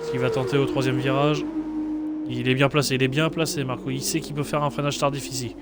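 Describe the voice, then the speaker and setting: A man's voice: medium pitch, flat delivery, fairly quick. A man giving live motorsport commentary alongside a partner, repeating names and phrases for emphasis. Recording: clear background noise with car sounds.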